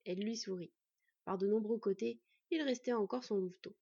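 A woman narrates a fantasy audiobook in a steady, even way, her voice husky and slightly high. The recording sounds dull and lo-fi. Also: brisk.

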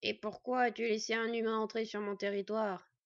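A woman's voice: a little high, a little fast, no echo. A woman voicing an old, hostile and haughty male elf hunter who speaks curtly and with contempt, in a dull, dry recording. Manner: curt, contemptuous, snarling.

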